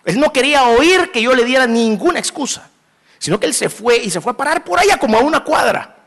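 Salvadoran man, preacher; high, gravelly voice, lively storytelling sermon delivery. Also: fairly quick. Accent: Salvadoran Spanish. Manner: animated, acts out scenes, mixes humor into preaching.

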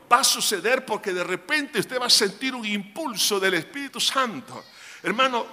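Brief: male pastor, sermon delivery, high and sharp-toned, emphatic, with a long reverb from the hall. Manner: emphatic, addresses congregation as brothers, shouts quoted cries.

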